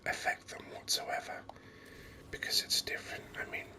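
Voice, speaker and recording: In an unhurried hush near the microphone, the host of a gaming video reflects on the game while playing, ASMR-style.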